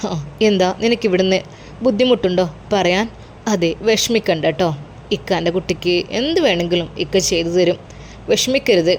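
A woman voicing a loving grown brother who gently soothes his sister in a spoken story. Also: fairly low pitch, moderate pace, a little hiss or hum, natural voice. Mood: soothing. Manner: tender, soothing, reassuring.

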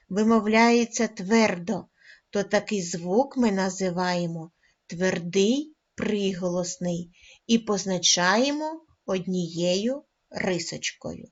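A woman teaching a lesson to first graders, speaking slowly and deliberately and drawing out each sound for the children. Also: medium pitch. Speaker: primary school teacher. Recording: dull lo-fi recording.

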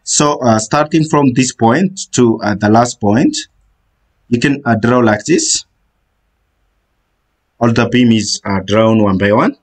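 This is a man's mid-range voice guiding a screen-capture tutorial for software. He moves through each step in a stop-start way, leaning heavily on "uh" as filler.

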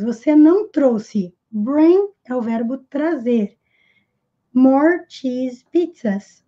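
Woman, Brazilian Portuguese accent, English teacher, high pitch, didactic, repeats phrases slowly, slightly muffled audio. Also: mellow. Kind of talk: language lesson.

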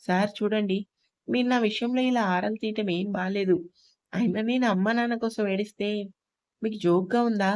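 A woman's voice: mid-range voice, fairly even intonation, normal speed, darkish tone, lightly acted. A woman voicing a feisty young female employee who talks back to her boss in an audio story. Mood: indignant. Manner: defiant, quarrelsome.

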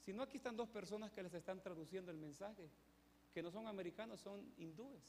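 A man's voice: high-pitched, a little fast, darkish tone, slight background noise. A man preaching a sermon in a church, telling a story with emphasis and acting out its characters. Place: church hall. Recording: echoey church hall.

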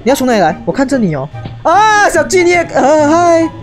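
A young woman, her high voice jumping into shrieks and English exclamations as she plays. Her let's play commentary runs over loud background music. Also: very animated, fairly quick. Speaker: gaming YouTuber.

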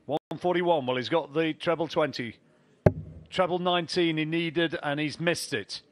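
A man's voice: on the high side, steady tone, moderate pace. A man giving live darts commentary with some light banter as a sports commentator.

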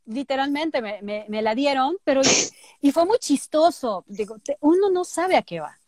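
A woman with a Mexican accent tells stories in a lively way, slipping into quoted voices as she goes. Her voice sits a bit high and sounds close and dry. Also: moderate pace, dry recording. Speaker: voice actress. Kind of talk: casual interview storytelling.

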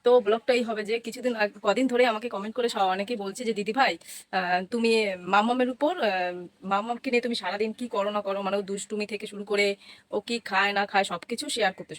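A woman hosting a casual family vlog, coaxing a small child in a sing-song way. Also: mid-range voice. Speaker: family vlogger.

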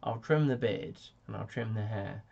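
A man's voice: on the low side, normal speed, creaky, a little mellow. A man hosting a casual live stream, chatty and self-mocking as he answers viewers. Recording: dull lo-fi sound.

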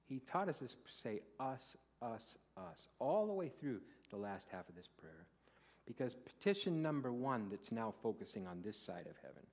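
A male guest preacher giving a sermon in a church, asking the congregation questions and rising to loud, high declaiming when he quotes scripture. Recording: dull lo-fi recording.

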